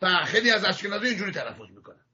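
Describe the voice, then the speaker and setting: A man teaching a religious lesson, his voice high for a man and bright. He explains patiently and demonstrates each sound again and again, clearing his throat now and then. The audio is muffled, like an old archive recording. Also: sing-song. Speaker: rabbi teaching Hebrew pronunciation.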